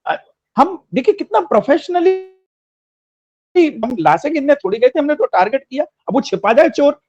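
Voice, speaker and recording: High-voiced impassioned male commentator. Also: sing-song, moderate pace, lo-fi sound. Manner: rhetorical, emphatic, repeats phrases for effect. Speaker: political commentator.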